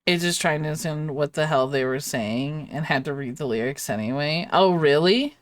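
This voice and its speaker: A woman's voice: low voice, moderate pace, no echo. A woman streamer chatting casually with her viewers while she draws, often breaking into giggles. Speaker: live streamer drawing art. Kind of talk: casual live-stream chat.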